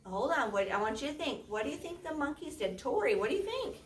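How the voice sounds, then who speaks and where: A woman teacher reading a picture book aloud to children in a classroom, animated and stopping to quiz the kids. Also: high voice, fast talker, a little hiss or hum. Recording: roomy classroom from far off.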